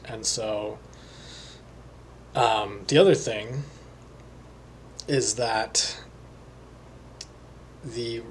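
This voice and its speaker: A man talking alone as a psychic reader, slowly and hesitantly, with many pauses and fillers. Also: mid-range voice, fairly even intonation, slight background noise. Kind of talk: solo monologue.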